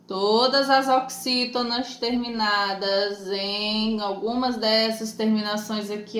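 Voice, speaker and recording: A Brazilian woman teacher giving a lesson to children, talking slowly and patiently, spelling out letters and syllables. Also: mid-range voice, fairly bright tone. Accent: Brazilian Portuguese. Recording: echoey room with faint noise.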